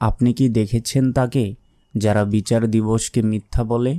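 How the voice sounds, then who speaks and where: A man teaching Quran recitation, explaining pronunciation step by step, repeating words and chanting verses with long drawn-out notes. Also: lowish voice, steady tone, mellow, no echo, studio quality. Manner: slow and careful, repeats words to correct pronunciation.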